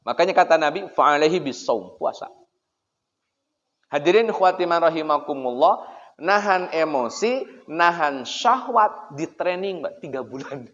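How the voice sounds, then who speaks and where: A man preaching an Islamic sermon in a relaxed, conversational way, cracking jokes and speaking straight to his listeners. His voice sits a little high. The recording is muffled and rings with long hall reverb. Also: a little slow. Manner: chatty and joking, often addressing listeners directly. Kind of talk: casual sermon to a congregation. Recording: dull, echoey hall recording.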